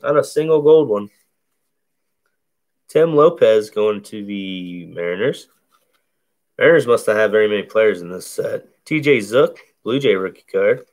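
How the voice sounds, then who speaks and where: Opening packs at an indoor table strewn with cards, a card break host speaks in a low, bass-heavy voice at an easy, unhurried pace. He names every card in expressive, laid-back, conversational play-by-play, captured by a camera mounted above the table.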